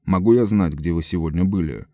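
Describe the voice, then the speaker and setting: A man's voice: deep voice, a little fast, dark tone, no room sound, studio quality, lightly acted. A man voicing a stern police officer who questions a witness in a curt, official way, in an audiobook.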